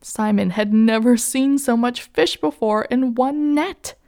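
Slow, gentle woman telling a children's story. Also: a little high.

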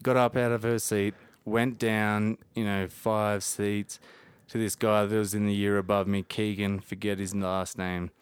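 A man's voice: fairly low pitch, little pitch movement, a little slow, hardly any pauses, clean tone, dry recording. An Australian man chatting casually as a podcast guest, dry and laconic, with blokey Aussie slang. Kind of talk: casual comedic chat.

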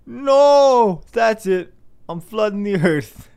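A man voicing a petulant, furious male God who rants and shouts at humanity. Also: animated, moderate pace, clean tone. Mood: indignant. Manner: shrill, shouting tantrum.

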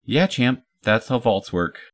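A man's voice: lowish voice, expressive, moderate pace, gravelly, fairly bright tone, pitched above the performer's own voice. A man reading the lines of a confident superhero woman with a dry, teasing manner.

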